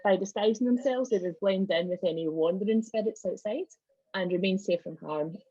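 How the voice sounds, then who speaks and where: Speaking at a medium pitch and fairly quick, with a mellow tone and no echo, a Scottish woman offers her club a wry, informal talk on folk traditions. The video-call sound is slightly dull and dry, and she tosses in joking asides.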